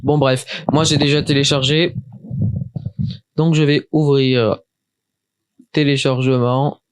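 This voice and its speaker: A man's voice: medium pitch, level tone, slow, clean tone, no echo. A man talking through a casual computer tutorial from his desk, chatty and hesitant, often stopping and starting again. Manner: hesitant, many restarts and fillers, chatty. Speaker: tutorial maker. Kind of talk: casual screen-recorded software tutorial.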